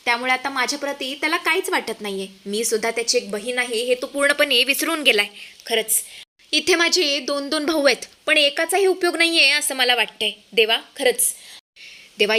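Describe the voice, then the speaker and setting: A woman's voice: sits high, pushed and bright. A woman voicing a spoiled, manipulative young married daughter who talks in a tearful, pleading whine.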